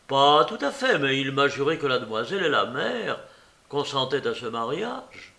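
A man's voice: medium pitch, very animated, moderate pace, gravelly, pushed and bright, exaggerated voice. A man reading a novel aloud, voicing a cheeky, idle young nephew who coaxes his aunt. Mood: evasive. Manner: coaxing, playful, hesitant. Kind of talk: audiobook character reading.

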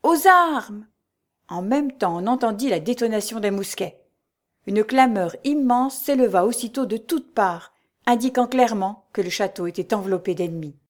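A woman reading a historical adventure novel aloud as scripted narration. Her delivery is measured and even, with a mid-range pitch typical for a woman. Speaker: audiobook reader.

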